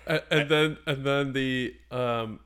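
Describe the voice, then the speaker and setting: A man with a mid-pitched voice co-hosts a podcast. He tells stories in an animated, profane way and acts out quotes along the way. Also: slow, clean tone. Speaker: podcast co-host. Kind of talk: casual chat about a film.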